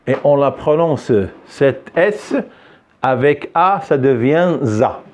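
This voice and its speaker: A man's voice: medium pitch, slow pace, slight background noise. A man teaching a French lesson in a classroom, patiently repeating phrases for his students to echo back. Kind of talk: classroom lesson with call-and-response drilling.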